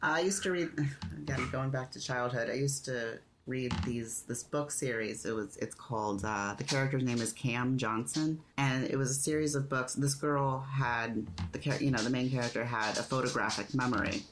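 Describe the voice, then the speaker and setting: A man's voice: medium pitch, fairly even intonation, moderate pace, noisy background. A man co-hosting a podcast in casual chat, rambling and correcting himself as he talks, laughing often. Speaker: podcast co-host.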